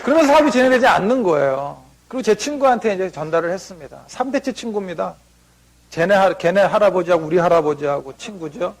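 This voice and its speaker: A man giving a motivational seminar talk before an audience, telling family stories and acting out what relatives said. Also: high-pitched. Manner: anecdotal, acts out family members' lines in quotes.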